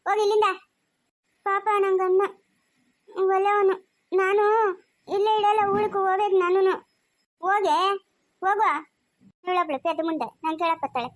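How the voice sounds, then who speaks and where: A woman's voice: extremely high pitch, steady tone, moderate pace, pauses often. A woman playing a quarrelsome village woman in a family skit, speaking rural Chikkaballapur Kannada and scolding with taunts.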